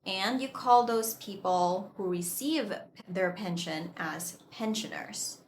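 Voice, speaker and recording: A woman teaching an English vocabulary lesson, explaining each word deliberately and clearly. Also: mid-range voice. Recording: echoey room with faint noise.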